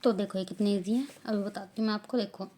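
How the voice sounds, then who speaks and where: An Indian woman teaching a language class with slow, deliberate explanations, stressing each syllable loudly in repetition drills. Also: medium pitch, steady tone.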